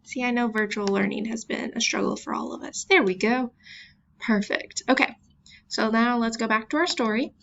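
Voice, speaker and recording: A woman's voice: a little high, steady tone, normal speed, gravelly, fairly bright tone, highs cut off, a little hiss or hum. A woman teacher giving a virtual classroom lesson, patiently sounding words out and making chatty, self-deprecating asides. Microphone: computer mic.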